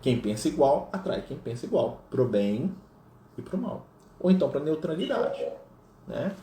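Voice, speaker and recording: In a roomy, echoing recording with faint noise, a spiritist study group leader reads passages aloud and teaches casually, checking in with many tag questions. His voice is a little high and mellow, swinging widely in pitch at a moderate pace.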